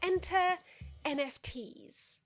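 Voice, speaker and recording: A woman's voice: extremely high pitch, lively intonation, slow, loud music behind the voice. A woman giving sardonic, profane scripted narration for a video essay. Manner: sarcastic, profane, playful.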